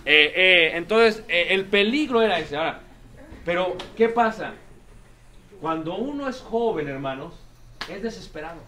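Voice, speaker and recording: A man's voice: high voice, expressive, unhurried, pushed and bright, a little hiss or hum. A man preaching a sermon, emphatic and repetitive, often calling the congregation "brothers". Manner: emphatic, repeats lines, addresses congregation as brothers.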